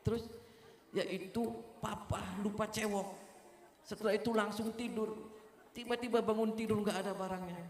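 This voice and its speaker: A man's voice: high-pitched, moderate pace, long pauses. A man preaching a comic village sermon, telling a story and acting out the dialogue. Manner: animated storyteller acting out dialogue, addressing mothers. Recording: echoey hall with long reverb.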